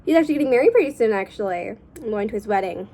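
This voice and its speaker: On a casual drawing vlog, a young woman talks in a rapid-fire, expressive voice that sits on the high side, with a warm tone. She is chatty and rambling, often correcting herself, and has a slight cough while claiming she is losing her voice. There is slight background noise.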